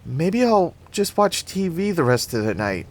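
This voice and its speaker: A man's voice: fairly high pitch, very animated, a little slow, pitched above the performer's own voice, full character voice. A man reading aloud and voicing a scared, curious little boy. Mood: wide-eyed. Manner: wide-eyed, pleading.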